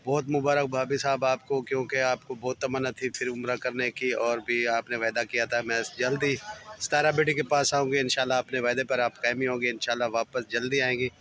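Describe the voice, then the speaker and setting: A man's voice: medium pitch, a bit bright, slight background noise. A middle-aged man, vlogging in a casual, scolding tone that keeps pressing each point with "theek hai?". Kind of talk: casual vlog monologue.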